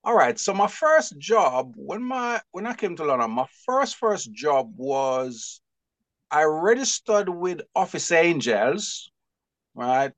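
A man with a Jamaican accent, chatting as an interview guest, lively and quick to laugh. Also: on the high side, dry recording. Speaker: guest, publisher. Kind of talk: casual interview chat.

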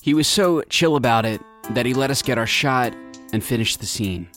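A man in his twenties narrating a scripted documentary story in a measured, reflective way. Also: mid-range voice, over music. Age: 20s. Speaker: narrator and reporter.

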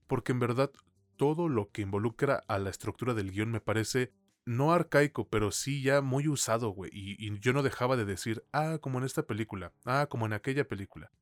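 A man with a Mexican accent co-hosts a film podcast, casually reviewing movies in informal, slangy speech with some mild profanity. His voice is mid-range, and there's no room sound.

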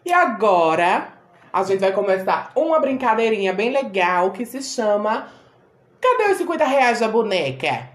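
A woman's voice: medium pitch, moderate pace. A woman hosting a podcast, telling a story in casual chat and acting out the voices of the people in it. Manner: animated, acts out quoted voices. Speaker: podcast host. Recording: roomy echo.

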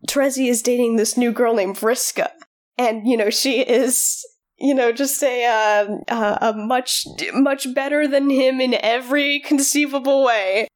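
A fairly high-voiced woman co-hosts a podcast in loose, casual chat. She rambles, pausing on fillers and doubling back on her own sentences. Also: steady tone. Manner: rambling, full of fillers and restarts. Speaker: podcast co-host.

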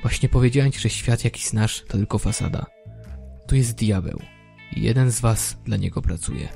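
A man's voice: on the low side, normal speed, gravelly, soft background music, voice pushed down. A man voicing a paranoid, threatening bearded gunman. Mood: shouting. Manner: menacing, shouting at times.

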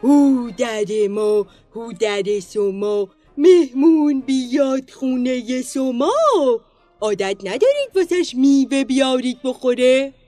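A woman voicing a loud, easily bored male giant demon in a children's story, chanting his lines slowly as booming shouts. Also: dry recording, soft background music, lightly acted.

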